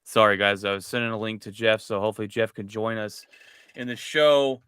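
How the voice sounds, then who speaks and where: A man's voice: fairly low pitch, steady tone, fairly quick, fairly bright tone, smooth, no room sound, studio quality. A man hosting a sports podcast in casual chat, talking conversationally and often restarting his phrases. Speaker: podcast host.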